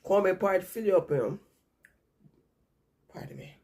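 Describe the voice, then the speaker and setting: At a normal pace, a woman vlogger with a cold chats casually to viewers in a fairly low, darkish voice that's husky and gravelly. Her nose sounds stuffy, and she rambles chattily, repeating herself.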